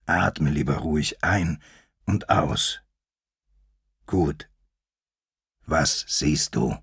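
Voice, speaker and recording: A man's voice: medium pitch, expressive, measured pace, no room sound, studio quality, voice pushed up. A man voicing a stern, commanding mountain lion king who growls his orders.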